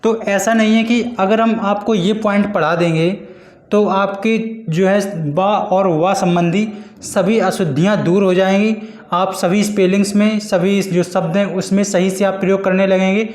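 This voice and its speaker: A male teacher giving a patient exam-prep Hindi lesson, repeating each point and sounding out syllables slowly. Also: high voice, fairly even intonation, darkish tone, reverberant.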